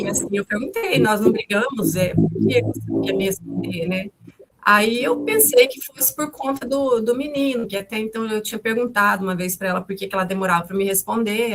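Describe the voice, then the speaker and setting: A woman in her fifties tells what happened in a halting testimony. She repeats and restarts her words often. Her voice sits at a middle pitch, with a faint hiss in the background. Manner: calls her own way of speaking harsh and loud. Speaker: mother of the victim, interviewee. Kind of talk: emotional testimony recounting events.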